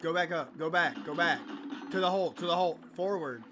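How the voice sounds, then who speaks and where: A man hosting a let's play, casually coaching his co-player with quick instructions. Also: a little high, background noise. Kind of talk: casual gameplay commentary.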